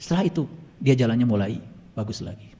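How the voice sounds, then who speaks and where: A man giving a spiritual talk, telling stories with sudden loud exclamations and hushed asides. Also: medium pitch, animated, fast, big-room sound. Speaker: spiritual teacher.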